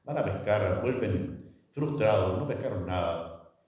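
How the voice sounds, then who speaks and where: Man, priest, lively lecture, mellow voice, heard from far off in an echoey hall. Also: on the low side, unhurried. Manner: animated, rhetorical questions, acts out dialogue.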